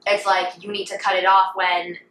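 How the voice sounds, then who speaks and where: A woman co-hosting a podcast, chatty and animated, telling stories with quoted voices. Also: mid-range voice, moderate pace, recorded from a distance, a little hiss or hum. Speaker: podcast co-host. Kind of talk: casual chat. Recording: echoey room, off-mic with faint ambience.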